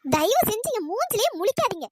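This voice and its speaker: A performer voicing a fiery young female college student in a cartoon, scolding in an exasperated, pitch-raised voice. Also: very animated. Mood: annoyed scolding. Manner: scolding, exasperated, rapid-fire complaints. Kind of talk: cartoon voice acting.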